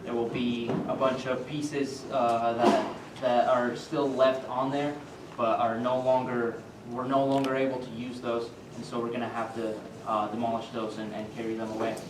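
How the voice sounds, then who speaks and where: A man's voice: mid-range voice, flat delivery, moderate pace, few pauses. Hesitant young man presenting, echoey distant. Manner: hesitant, many filler sounds and restarts. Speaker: student team presenter. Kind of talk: rehearsed team presentation. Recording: echoey room, distant mic, noisy.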